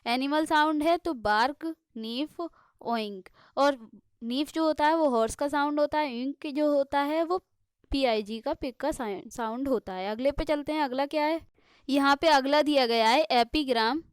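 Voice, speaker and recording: An Indian woman teaching an exam-prep lesson, explaining in Hindi and reading English examples out slowly. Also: sits high, no echo, studio quality.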